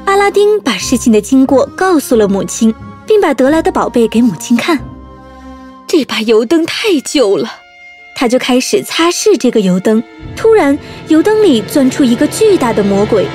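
A woman storyteller narrating a scripted children's story in an expressive way. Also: sits high, moderate pace, soft background music.

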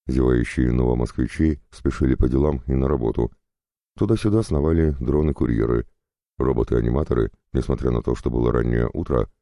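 A man narrates a first-person story in an extremely low voice with a very bright, crisp edge. The delivery is that of a scripted audiobook, recorded close and dry. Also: no echo.

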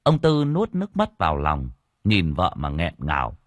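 A man narrating an audiobook story in an expressive telling. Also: low voice, moderate pace, dry recording, clean studio sound. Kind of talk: scripted narration.

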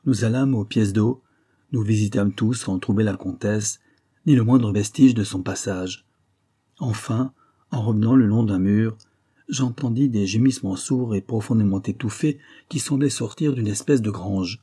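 A man giving a measured, literary audiobook narration of a classic story. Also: lowish voice, warm tone, slightly rough. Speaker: audiobook reader.

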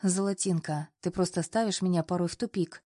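A woman's voice: lowish voice, steady tone, a little fast, mellow, no room sound, clean studio sound, close to an everyday voice. A woman reading a teasing, confident boss. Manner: teasing, commanding. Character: confident teasing male boss, young adult.

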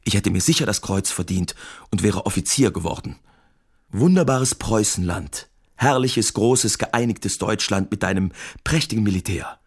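A man's voice: lowish voice, lively intonation, normal speed, husky. An actor playing a lonely, sardonic male artist who reads his wartime letters aloud with bitter, mock-patriotic irony in a radio drama. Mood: mock rapture.

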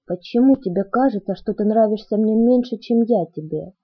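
A woman voicing a brooding, soft-spoken teenage boy in an audiobook, speaking in hushed, measured tones. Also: mid-range voice, slightly rough, highs cut off, close to an everyday voice.

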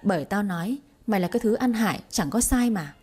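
A woman voicing a harsh, abusive older mother-in-law who scolds in a shrill, rapid-fire way, in an audiobook reading. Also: animated, a little mellow, slightly rough. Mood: scolding.

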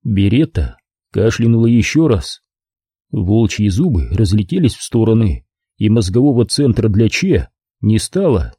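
Husky, very dark-voiced male narrator. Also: fairly low pitch, big pitch swings, unhurried, no room sound, studio quality. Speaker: audiobook narrator. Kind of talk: dramatic scripted narration.

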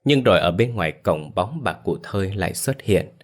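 Man, ghost story narrator, lowish voice, measured delivery. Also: animated.

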